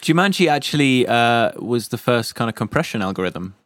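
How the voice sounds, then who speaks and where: A man's voice: medium pitch, expressive, fairly quick. A man riffing wryly in casual comedic banter, laughing often.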